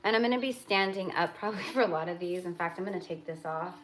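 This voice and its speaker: A woman leading a guided energy healing meditation, speaking soothingly and affectionately in drawn-out phrases with pauses. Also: fairly low pitch, a little hiss or hum, low-quality recording. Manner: affectionate, uses endearments. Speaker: energy healer.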